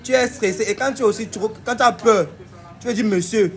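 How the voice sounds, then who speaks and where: In a high-pitched, slightly fast voice, a man hosts a casual comedy video. He explains things playfully and acts out every example himself, stuttering as he does.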